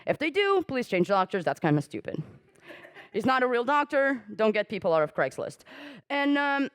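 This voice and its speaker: On stage at a conference, a young woman, a native Portuguese speaker, delivers a frank, self-deprecating talk with casual swearing. Her pitch swings widely, especially as she performs quoted dialogue, and she speaks at normal speed. No room sound is audible.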